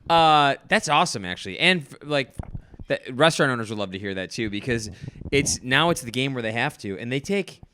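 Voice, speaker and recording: Male comedy podcast host, animated, bright and lively delivery, rambling casual chat. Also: mid-range voice, a little fast, slight background noise. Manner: animated, laughs often, rambling with restarts.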